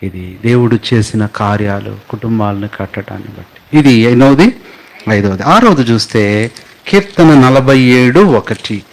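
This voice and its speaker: A man preaching a sermon to a congregation in a church, asking them questions, having them repeat words and spelling terms out slowly, with loud high exclamations. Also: animated, rough recording. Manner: spells out terms letter by letter, slow and drawn out; rises much higher and louder on exclamations. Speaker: pastor.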